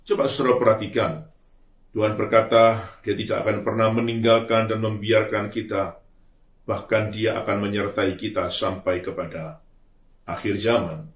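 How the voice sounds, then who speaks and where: A man's voice: on the low side, steady tone, moderate pace. Earnest male pastor in an echoey room. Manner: earnest, emphatic, trailing off softly at phrase ends. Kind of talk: sermon. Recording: roomy echo.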